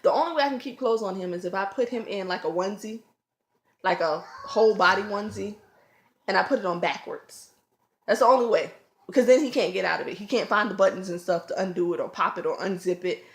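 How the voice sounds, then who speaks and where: A woman, a mother and vlogger, telling a casual storytime at home with loud, animated acted-out quotes and screams. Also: medium pitch, fast, roomy sound. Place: home, room with children around.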